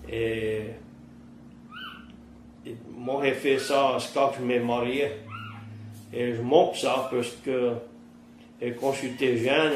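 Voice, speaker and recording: Cajun French man, 50s, plain-spoken interviewee, slow pace, faint background noise. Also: mid-range voice, reverberant. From southern Louisiana, United States. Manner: plain-spoken, rural vernacular. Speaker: interviewee, trapper and fisherman. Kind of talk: oral-history interview, recounting past life.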